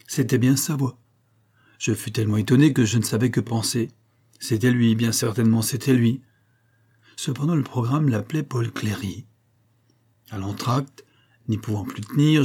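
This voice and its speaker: A man reads a classic novel aloud in calm, measured narration. His voice is mellow and warm, sitting at an ordinary middle pitch. The delivery is steady and literary, suited to an audiobook. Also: husky. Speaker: audiobook reader.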